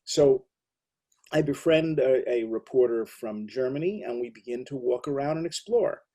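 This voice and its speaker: A man's voice: mid-range voice, moderate pace, mellow. A middle-aged American man hosting an interview, telling rambling, enthusiastic stories. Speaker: host. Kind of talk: casual interview talk.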